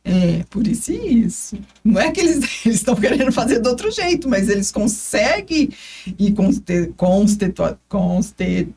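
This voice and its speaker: A woman's voice: medium pitch, unhurried, slightly rough. A Brazilian woman co-hosting a podcast, speaking casually and with emphasis. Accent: Brazilian Portuguese. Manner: expressive, emphatic, many agreeing murmurs. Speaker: podcast co-host.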